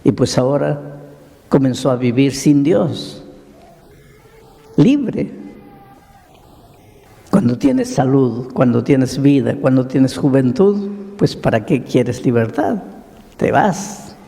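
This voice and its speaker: A man preaching a sermon as a pastor, telling a story slowly and dramatically with repeated lists and rhetorical questions. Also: medium pitch, big pitch swings, creaky, mellow, big-room sound.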